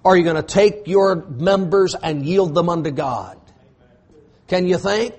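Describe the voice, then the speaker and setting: High-pitched preacher man, emphatic sermon. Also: a little slow. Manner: emphatic, rising to shouts, repetitive preaching cadence.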